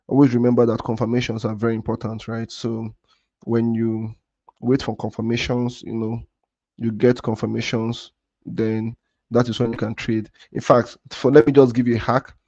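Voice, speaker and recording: A man's voice: medium pitch, level tone, moderate pace, mellow, no echo. Guy on a crypto livestream, swearing and ranting, repeats himself a lot, muffled lo-fi audio. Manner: heated, swearing rant at a viewer; repetitive, restarts often. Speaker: crypto trading livestream host. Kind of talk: live stream talk to chat.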